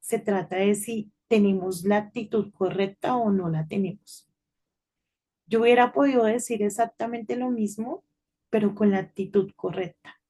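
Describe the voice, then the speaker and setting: A woman's voice: medium pitch, steady tone, moderate pace, mellow. Middle-aged woman, children's devotional, chatty storytelling, frequent tag questions. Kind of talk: informal devotional talk to children.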